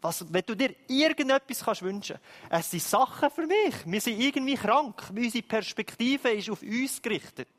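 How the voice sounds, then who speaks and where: A man with a Swiss German accent preaching a sermon in a lively, emphatic, conversational way. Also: very high voice, normal speed.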